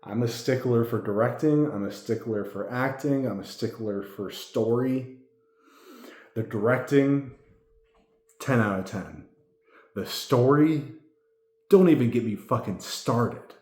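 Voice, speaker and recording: An echoey room recording of a man with a medium-pitched voice. He rambles through a casual movie review with tipsy, drunken delivery. He is emphatic and profane, often circling back to repeat his own phrases. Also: a little slow, pauses often, a little mellow. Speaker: amateur film reviewer.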